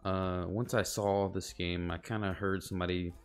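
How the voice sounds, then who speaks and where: A man's voice: sits low, flat delivery, moderate pace, clean tone, faint music behind. A man commentating while playing a game, with casual, joking asides. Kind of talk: let's play commentary.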